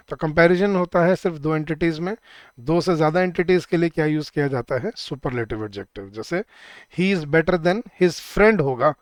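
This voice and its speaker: A man leads an exam-prep grammar lesson, moving between Hindi and English. His voice sits a little high, and the sound is dry and close. He asks questions and answers them himself, reading the example sentences slowly. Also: dry recording. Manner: slows down when he reads out the example sentences. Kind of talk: online exam-prep class.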